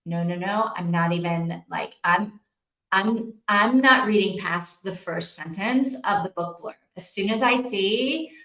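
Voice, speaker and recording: Here a woman hosting a live reading-sprint stream talks informally, picking up viewer comments, reading them out and replying along the way. Her medium-pitched voice has a sharp edge and runs a little slow, captured with roomy, echoing sound.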